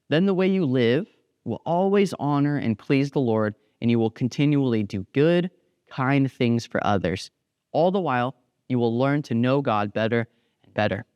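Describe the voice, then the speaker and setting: A young man giving a casual youth sermon, animated, acting out little quotes as he goes. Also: medium pitch, smooth, dry recording, dull audio. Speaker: youth pastor.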